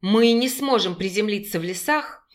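A woman voicing an anxious, hot-tempered young man who commands loudly, in an audiobook. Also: sits high, moderate pace, close to an everyday voice. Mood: commanding. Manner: loud, commanding, hissing.

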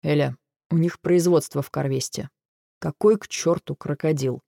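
A man voicing a gravelly, weary dragon. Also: a little high, steady tone, normal speed, dark tone, dry recording, clean studio sound. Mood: dry. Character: weary, dry-witted male dragon servant. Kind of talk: audiobook dialogue reading.

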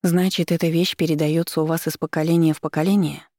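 Brief: stubborn, bashful young heroine, slightly raised voice, gravelly, dry, as the reader puts her on. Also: medium pitch, flat delivery, fast talker, a little mellow, no echo, lightly acted. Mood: shy. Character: stubborn, shy nineteen-year-old girl.

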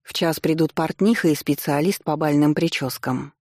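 Reader doing a prim, stern governess. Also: female voice, sits low, normal speed, a little mellow, dry recording, studio quality. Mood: instructive. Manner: prim, instructive. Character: strict proper governess, middle-aged, stern.

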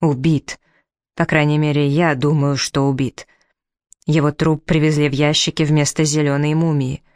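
A man voicing a hot-tempered elderly male professor who shouts and rants in fury, read from a storybook. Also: a little high, flat delivery, moderate pace, clean tone, no room sound, clean studio sound, natural voice. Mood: agitated. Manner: shouting, furious, exasperated.

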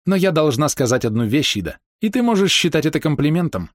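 A man's voice: fairly high pitch, big pitch swings, quick pace, no echo, clean studio sound, voice pushed up. A man reading aloud and voicing a cruel, scheming woman who sneers and gives orders. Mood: contemptuous. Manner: sneering, commanding.

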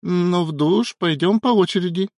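A man's voice: high voice, normal speed, no room sound, clean studio sound, pitched above the performer's own voice, lightly acted. A man putting on a teasing young woman. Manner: teasing, laughing.

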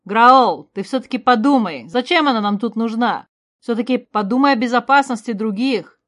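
A woman reading aloud voices a hostile young man who loudly and scornfully accuses others. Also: a little high, expressive, moderate pace.

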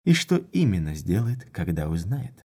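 A reader puts on a smug, unflappable male mage. His voice drops low and quiet, and every line comes out dry and mocking. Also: sing-song, moderate pace, breathy edge, exaggerated voice.

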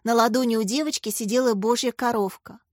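A woman's voice: on the high side, steady tone, a little fast, a little mellow, no room sound, studio quality. Woman narrating a children's story. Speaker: audiobook narrator.

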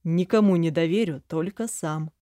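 A stern dragon general, calm and commanding with a lofty ring, as a woman reads him. The voice is mellow and dark, recorded dry and close. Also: lowish voice, normal speed, no echo, lightly acted. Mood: firm.

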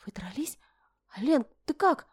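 A woman's voice: high-pitched, very animated, moderate pace, darkish tone, pitched above the performer's own voice. Woman voicing a flustered, defensive duchess. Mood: anxious.

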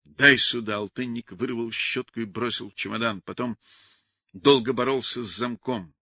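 A man narrating a novel aloud with lively, expressive storytelling. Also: medium pitch, normal speed, breathy edge, no echo, clean studio sound. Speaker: audiobook narrator. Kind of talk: scripted narration.

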